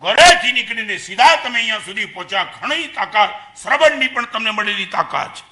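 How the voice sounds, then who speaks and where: Older man, Gujarati accent, sermon, high voice, very bright tone, questions to listeners. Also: fairly quick. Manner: animated preaching, swings between soft asides and loud emphasis; rhetorical questions to the audience. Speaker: Jain monk lecturer. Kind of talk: sermon to an assembly.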